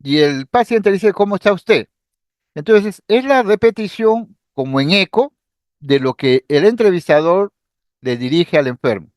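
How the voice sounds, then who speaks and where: Male lecturer, bright high voice, dry close sound, clear explanatory teaching manner. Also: measured pace, no echo. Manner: explanatory, acts out patient speech examples; lively intonation, occasional fillers and restarts. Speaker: psychiatry lecturer. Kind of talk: recorded medical lecture.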